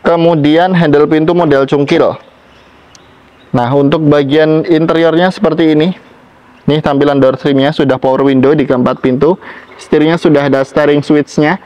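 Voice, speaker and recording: A man pitches used cars like a practised salesman, talking up one selling point after another. His voice sits a little high for a man. The recording is slightly dull and lo-fi. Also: fairly even intonation, moderate pace, darkish tone. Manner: salesmanlike, talking up each feature. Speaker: used car seller presenting stock. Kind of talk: sales walkaround presentation.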